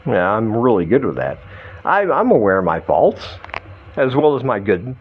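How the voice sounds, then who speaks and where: A middle-aged American man from Michigan, slightly drunk, rambling through a halting, self-deprecating comic monologue as a vlogger. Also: fairly low pitch, sing-song, narrow, tinny audio, a little hiss or hum. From Michigan, United States.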